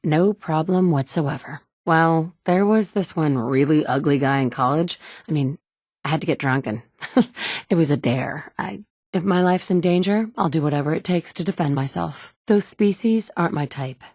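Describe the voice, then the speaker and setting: An adult woman voices the player character in game dialogue, a determined and pragmatic wasteland survivor. Her low, slightly mellow voice moves at a moderate pace, firm and direct, swinging between stern and sympathetic with a casual mood. It was recorded dry in a booth with no echo.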